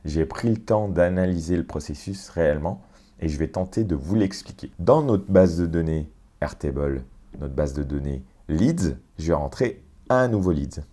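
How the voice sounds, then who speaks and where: A man walking through a software automation on screen, explaining step by step with fillers and self-corrections. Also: deep voice, lively intonation, normal speed. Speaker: tutorial presenter. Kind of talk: screen-share software walkthrough.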